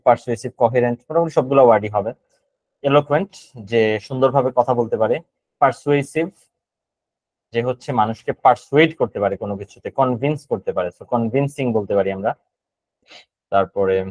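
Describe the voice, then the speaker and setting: A man with a Bangladeshi accent leads an online GRE vocabulary class in a relaxed, thinking-aloud manner. His voice sits at an ordinary middle pitch. It is picked up dry and close on a computer mic. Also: no room sound, poor audio. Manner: casual and thinking aloud, mixing English words into Bengali explanations. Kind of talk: online vocabulary class, explaining word meanings.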